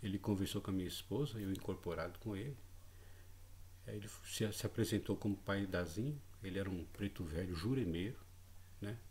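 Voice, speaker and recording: A man with a fairly low voice recounts a personal story in relaxed, everyday speech. He stumbles and repeats words as he goes, tacking short checks onto his sentences. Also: fairly quick. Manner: hesitant, repeats words, frequent tag questions. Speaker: channel host. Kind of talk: casual spoken storytelling.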